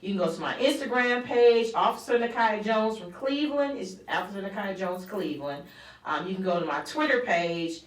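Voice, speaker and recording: A woman guest in an interview, telling her story in animated fashion and acting out quotes. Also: mid-range voice, brisk, far from the mic. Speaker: guest author. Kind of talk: conversational interview. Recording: roomy, from off-mic.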